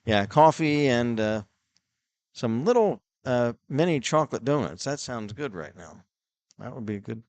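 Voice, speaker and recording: Slow rambling hockey broadcaster, man. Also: mid-range voice, a little mellow, dry recording. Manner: rambling, many fillers, reads viewer messages. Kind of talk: casual play-by-play filler chat.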